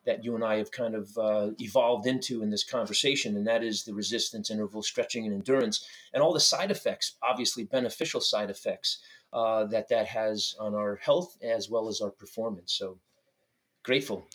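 A man speaking as an expert guest in a podcast interview, conversational, often pausing mid-phrase. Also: fairly low pitch, fairly bright tone. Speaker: podcast guest, doctor and author.

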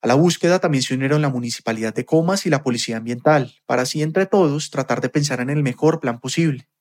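A man narrating a scripted documentary podcast in a measured, storytelling delivery. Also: mid-range voice, darkish tone. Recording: faint music bed.

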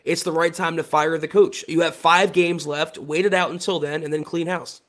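An American man with a fairly high voice co-hosts a sports talk show. He lays out his analysis conversationally, in a measured and casual way. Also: flat delivery, a bit bright. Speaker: sports livestream co-host.

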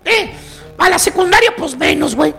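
Shrill mocking Mexican radio host man. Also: lively intonation, normal speed, creaky, faint music behind. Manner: rowdy, mocking, often shouting. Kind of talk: comedic radio monologue.

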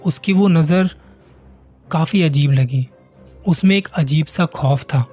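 A man reading a horror story as suspenseful first-person narration, slow and measured. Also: a little high, dark tone, faint music behind.

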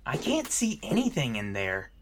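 A woman as a snarky, low-voiced sidekick. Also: huge pitch swings, normal speed, noisy background, heavily acted. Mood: exasperated. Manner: snarky and put-upon. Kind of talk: audio drama acting.

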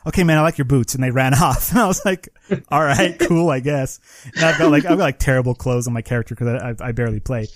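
A man's voice: mid-range voice, fast, no room sound. A man co-hosting a gaming podcast, telling a long story in casual chat and acting out the other players' lines. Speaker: podcast co-host.

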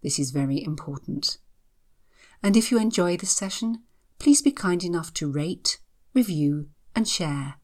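A woman hypnotherapist hosting a podcast, reading a scripted introduction with measured, gentle instructions. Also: on the low side, lively intonation.

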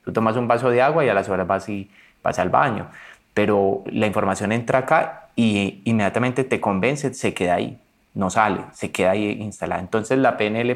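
Low-voiced man telling a story. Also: gravelly. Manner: animated, acts out quoted voices. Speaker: mental coach guest. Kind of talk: conversational storytelling.

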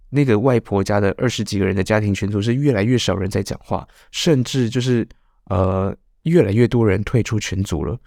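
A man's voice: lowish voice, a little mellow, dry recording, clean studio sound. A man with a Taiwanese Mandarin accent hosting a podcast, telling a personal story in a candid, rambling way. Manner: candid, confessional, rambling with many restarts. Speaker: podcast host.

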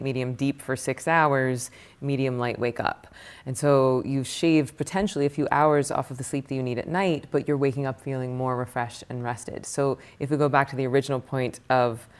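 A woman meditation teacher and author answering interview questions, rattling off lists of questions in an animated way. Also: rumbling low, fairly quick, hardly any pauses.

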